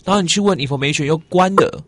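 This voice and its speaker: A man with a Taiwanese Mandarin accent chatting as a guest, telling travel stories in an animated way and acting out the exchanges he describes. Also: a little high, fast talker, no echo. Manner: animated storyteller, acts out quoted exchanges. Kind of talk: casual chat.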